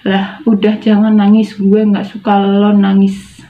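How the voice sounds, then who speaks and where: A woman's voice: mid-range voice, monotone, a little slow, dark tone, lightly acted. Woman voicing an earnest, ailing teenage boy. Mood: tender pleading. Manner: slangy Jakarta-style boy talk, earnest. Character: sincere, gravely ill teenage boy. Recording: tinny, phone-like, echoey room.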